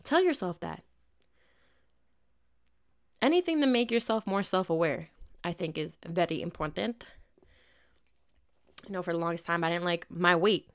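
Podcast host, young woman, clear smooth voice, blunt, profane, motivational chat. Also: fairly low pitch, expressive, moderate pace, pauses often. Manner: candid, profane, self-help pep talk. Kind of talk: casual advice monologue.

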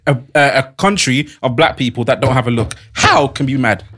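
Man, podcast host, casual chat, teasing and argumentative, quick and animated. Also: mid-range voice. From Jamaican family. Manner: teasing, argumentative, repeats phrases.

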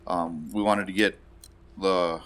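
A man's voice: deep voice, steady tone, takes it slowly, fairly bright tone. A pub owner, a man, talking plainly and a little hesitantly about his business. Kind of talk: casual interview chat.

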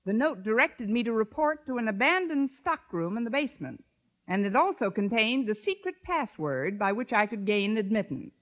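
A sardonic schoolteacher in a vintage radio comedy. Her highish voice swings widely through dry wisecracks, with the dull sound of an old broadcast. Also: big pitch swings, moderate pace, a bit bright. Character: wry, wisecracking female schoolteacher.

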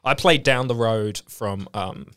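A man chatting casually and telling animated comic stories, swearing freely. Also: on the low side, a little slow, smooth, no echo, clean studio sound. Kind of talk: casual chat.

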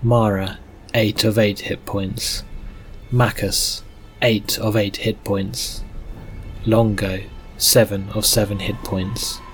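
A man narrating a fantasy story in a steady storytelling manner and reading out game stats. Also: on the low side, takes it slowly, faint music behind.

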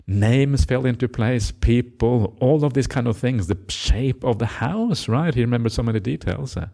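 Speaking at a moderate pace with vocal fry in a mid-range voice, a middle-aged Buddhist monk from Norway offers a reflective Dhamma talk. Hesitant fillers and gentle laughter come through, and he tends to finish points with a questioning "eh?".

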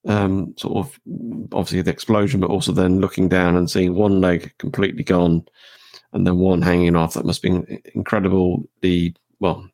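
A man's voice: low-pitched, little pitch movement, normal speed, a little mellow, no echo. A male interviewer asking careful, sympathetic questions in a conversation.

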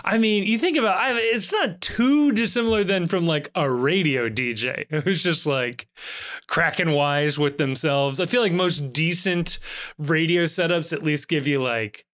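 A man's voice: on the high side, unhurried, a bit bright. A man co-hosting a sports podcast, musing in casual chat and laughing often. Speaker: podcast co-host.

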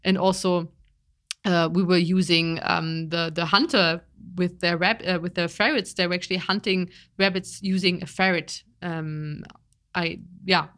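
A woman's voice: lowish voice, steady tone, measured pace, fairly bright tone. A young woman explaining her wildlife research in casual chat, eager, with many restarts and fillers.

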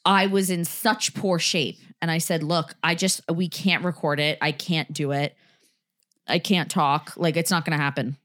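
A woman's voice: sits low, steady tone, moderate pace, a bit bright. A woman in her thirties hosting a podcast, chatting candidly and rambling, laughing as she talks while in pain from back spasms. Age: 30s. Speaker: podcast host. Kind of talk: casual chat.

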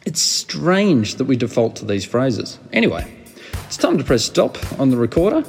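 A man's voice: medium pitch, very animated, moderate pace, creaky, a little mellow, slightly rough, long reverb tail, faint music behind. A man hosting a podcast in a casual, informal and slangy way. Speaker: podcast host.

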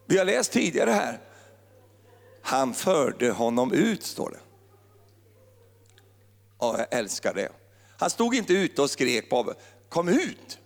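A male pastor with a high, gravelly voice that swings widely in pitch, preaching in a playful, joking way. His words ring out with a long reverb, as if in a large hall. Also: big pitch swings, pauses often. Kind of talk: sermon.

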